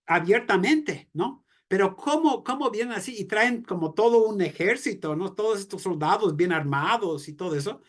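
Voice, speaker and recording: Chatty Mexican man leading Bible talk. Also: fairly high pitch. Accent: Mexican Spanish. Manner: conversational, full of "¿no?" tags and rhetorical questions, many restarts. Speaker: Bible study leader. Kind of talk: informal church reflection talk.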